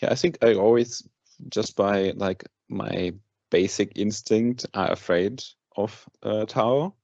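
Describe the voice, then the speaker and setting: A man's voice: on the low side, takes it slowly, gravelly, a little mellow, no room sound, lo-fi sound. A man from Germany with a German accent, a tabletop wargame player chatting casually as an interview guest, hesitant with many fillers and restarts.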